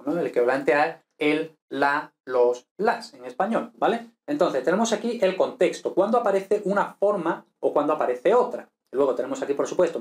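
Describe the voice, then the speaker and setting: Man teaching grammar with constant tag questions. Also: fairly high pitch. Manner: explanatory, frequent tag questions. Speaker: language teacher. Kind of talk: online grammar lesson.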